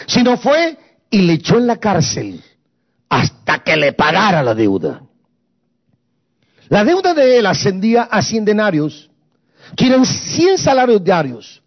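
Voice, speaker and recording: A man's voice: on the high side, highs cut off. A man preaching a sermon, emphatic and repetitive, slipping into English phrases.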